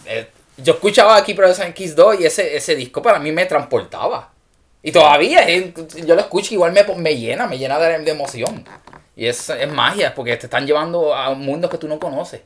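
A man's voice: on the high side, brisk. A man in a casual conversation who agrees readily, laughs easily and drops English words into his talk. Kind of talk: casual chat.

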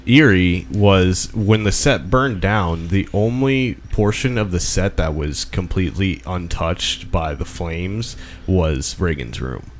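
Deep-voiced man telling eerie stories. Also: animated, slow, hardly any pauses, a little hiss or hum. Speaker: podcast co-host. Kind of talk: casual chat.

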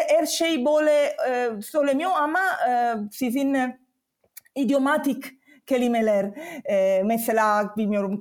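High-pitched foreign woman, halting broken Turkish. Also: a little mellow. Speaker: interview guest. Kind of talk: casual conversational interview.

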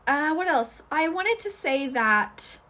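A young woman giving a casual, rambling film review, full of fillers and restarts, with a slightly husky voice. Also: sits high, expressive, slow, pushed and bright.

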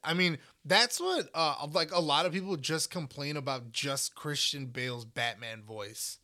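A man's voice: on the high side, measured pace, sharp tone. A young man co-hosting a podcast, rambling casually with lots of fillers and swearing when worked up. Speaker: podcast co-host. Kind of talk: casual chat.

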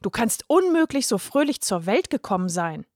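A woman voicing a gruff, grumpy little boy in a read-aloud children's story. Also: on the high side, big pitch swings, normal speed, a little mellow, dry recording, studio quality. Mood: grumbling. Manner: gruff, grumbling, huffy. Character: grumpy serious little boy, sulky and stern. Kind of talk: storybook reading.

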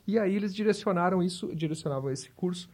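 Interviewed about his life, this man in his fifties, a volunteer hospital clown from Porto Alegre in southern Brazil, speaks fast in a high-sitting voice with a darkish tone. He's reflective and tells his story as a narrative, restarting sentences repeatedly.

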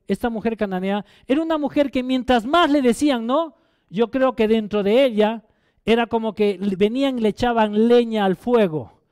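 A man's voice: very high-pitched, darkish tone, clear, resonant tone, no echo, studio quality. A male pastor preaching a sermon, asking the congregation questions and repeating phrases for emphasis.

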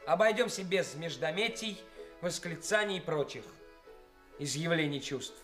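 In a radio play recorded with music, a man acts a young actor posing as a brazen, cynical bridegroom. His delivery is theatrical, self-important and declamatory, brazen and pompous. The voice is a little high and fairly bright, with lively intonation at normal speed.

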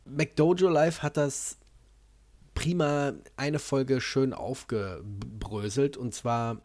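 A man's voice: mid-range voice, steady tone, slow, a little mellow. Podcast host guy, casual, blunt, says what he thinks. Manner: blunt and dismissive, openly opinionated.

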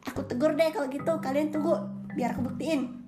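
A man's voice: very high-pitched, steady tone, brisk, over music. A woman voicing a nervous, eager young male fan who speaks hesitantly and politely.

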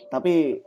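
A man's voice: fairly high pitch, dark tone, breathy edge. A young man from Java in a casual chat, speaking thick with slang and casual swearing. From Java, Indonesia.

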